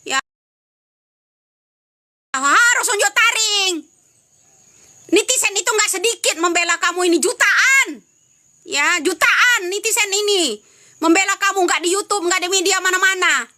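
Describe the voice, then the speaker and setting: Scolding high-voiced woman on a live stream. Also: a little slow, pauses often, pushed and bright. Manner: scolding, repetitive, rhetorical questions. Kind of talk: angry live-stream commentary.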